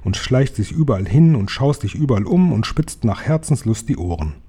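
A man's voice: mid-range voice, sing-song, brisk, warm tone, breathy edge. Man putting on a spirited old grandmother. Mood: eager. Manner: emphatic, exclaiming.

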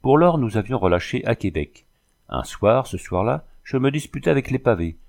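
A man's voice: medium pitch, sing-song, moderate pace, creaky, darkish tone. A man voicing a boastful old Irish sailor in a storybook, swaggering and swearing as he tells his tale. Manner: swaggering, swears by thunder and the devil.

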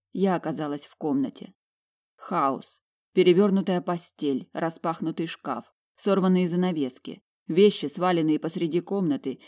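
A woman's voice: deep voice, dark tone. Woman narrating a first-person audiobook. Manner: emotional, introspective storytelling.

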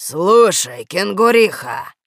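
A woman voicing a gruff, angry male bear in a storybook reading, roaring her lines. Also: lowish voice, lively intonation, measured pace, no echo, clean studio sound, exaggerated voice. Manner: roaring, indignant shouts.

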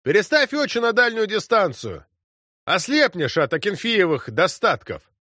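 A teasing cavalry soldier who turns tender with his comrades, as a man acts him out. His voice sits a bit high and bounces around in pitch. The recording is dry and close. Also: very animated, moderate pace, sharp tone, dry recording, heavily acted. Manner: joking, then soothing and tender.

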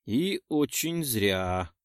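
A man's voice: mid-range voice, animated, extremely slow, no room sound. A man reading aloud and voicing a wry young man with a snorting, sarcastic manner, close to his own voice. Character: wry young man who barely survived.

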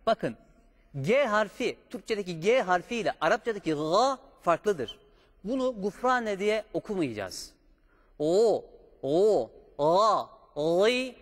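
Slow, high-voiced man teaching recitation. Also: in a large hall. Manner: slow, patient, drawn-out chanted recitation of examples. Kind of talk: step-by-step pronunciation lesson.

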